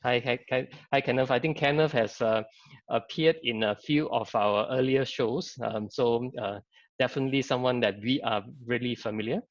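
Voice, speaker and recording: A man's voice: mid-range voice, normal speed, no room sound. Man moderator, hesitant, fillers, dry dull audio. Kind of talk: hosting a live online panel. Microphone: video call.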